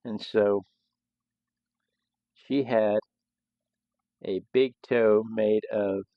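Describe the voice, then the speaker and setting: A low-voiced man with a gravelly edge chats casually through a live drawing session. He rambles loosely and often restarts his sentences. The sound is dry and dull, with a lo-fi quality. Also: fairly even intonation, extremely slow, no room sound. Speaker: host of a live sketching stream. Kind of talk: casual live-stream talk while drawing.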